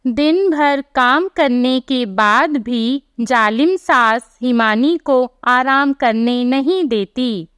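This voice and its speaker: A woman tells a storybook tale in plain, sympathetic narration. Her voice sits high and moves very slowly. The recording is close and dry. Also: a bit bright, smooth, dry recording.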